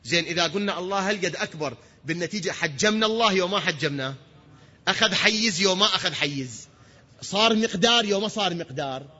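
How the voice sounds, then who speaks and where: A high-pitched man with a bright, husky voice preaches. He poses rhetorical questions and answers them himself, now and then drawing a word out into a long shout. The recording is muffled and carries a long hall reverb. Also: expressive, quick pace. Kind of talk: religious lecture.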